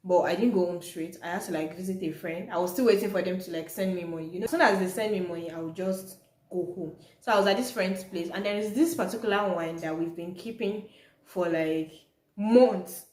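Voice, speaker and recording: A young adult woman from Nigeria, natively Yoruba-speaking, talks casually to her viewers as she tells a story. She has a lowish, slightly mellow voice and speaks a little fast, with the room giving off echo.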